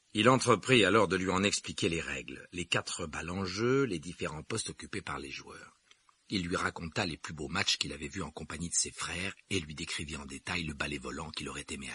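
A man calmly narrating a novel in a steady reading voice. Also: husky. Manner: calm, lowered narrating voice. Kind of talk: audiobook reading.

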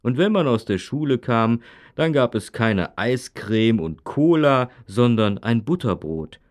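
A man's voice: medium pitch, animated, measured pace, natural voice. Man acting a grumpy old man, grumbling nostalgically. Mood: grumbling, nostalgic. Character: grumpy old father nostalgic for the good old days. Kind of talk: scripted language-lesson dialogue.

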